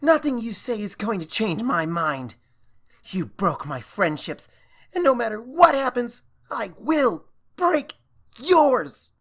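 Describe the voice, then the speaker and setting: A man reading a fan fiction audiobook, voicing a desperate, exhausted young female unicorn who shouts and drags out her words. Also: very animated, full character voice. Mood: screaming. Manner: shrill, shouting, drawn-out words.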